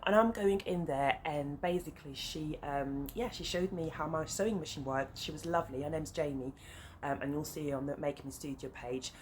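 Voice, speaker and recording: With a deep, darkish voice, a woman in her thirties chats casually to camera as a sewing vlogger, speaking English with a French accent because French is her first language. She rambles and gets sidetracked, with many "um"s and side notes, in a flat next to a busy road where faint traffic noise lingers.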